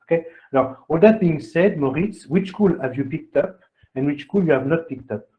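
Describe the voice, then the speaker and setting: A man's voice: on the high side, lively intonation, normal speed. A man hosting a webinar as an admissions consultant, rambling through his explanation and checking in with "okay?". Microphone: video call. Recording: tinny phone-like call audio.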